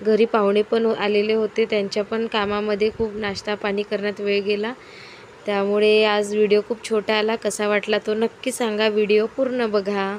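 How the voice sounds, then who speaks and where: A woman's voice: mid-range voice, flat delivery, normal speed, slight background noise. A woman in her thirties filming a casual family vlog at home, chatting to viewers and coaxing a small child. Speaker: family vlogger.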